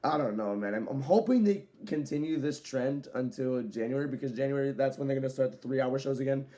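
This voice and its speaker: This wrestling show reviewer has a medium-pitched, brisk, mellow voice. His video commentary is rambling and casual, loosely delivered with frequent "so, yeah" fillers and occasional bursts of speed.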